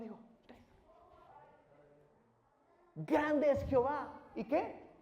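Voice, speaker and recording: Male pastor mid-sermon, prods the congregation with questions, builds to shouts, echoey church. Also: very high voice, highs cut off. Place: church hall. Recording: roomy church echo.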